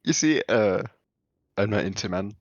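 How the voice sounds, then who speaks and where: A man's voice: fairly low pitch, expressive, normal speed, no room sound. A man playing a tabletop role-playing game, talking casually in character. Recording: dull, dry close lo-fi sound.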